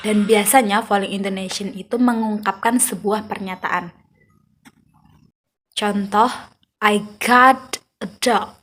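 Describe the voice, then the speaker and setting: A young woman, a student, reading a class presentation aloud in a careful, measured way, slowing down to say her examples. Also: mid-range voice, a little hiss or hum.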